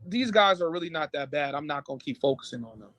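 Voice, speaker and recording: High-voiced hesitant man, dry sound. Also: animated, fast talker, a bit bright, no echo. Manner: hesitant, filler-heavy. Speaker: content creator. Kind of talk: casual stream talk.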